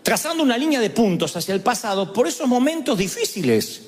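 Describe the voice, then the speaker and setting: Give me a man preaching a sermon in a high, swooping voice, animated and joking. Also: a little fast. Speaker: pastor. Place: church service before a congregation. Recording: long reverb in a large hall.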